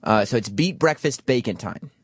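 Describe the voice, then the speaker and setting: A man's voice: medium pitch, expressive, moderate pace, husky, dry recording, clean studio sound. A man co-hosting a radio show, quizzing his colleagues in casual chat.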